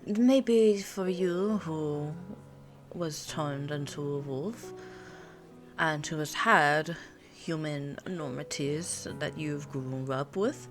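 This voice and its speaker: Speaking low, a woman acts as an ageless pure-blood vampire girlfriend who appears twenty-nine and is both teasing and worldly. She is patient and explanatory, taking her time, musing and humming before each answer in this intimate one-sided ASMR audio roleplay, set against soft music and cafe ambience.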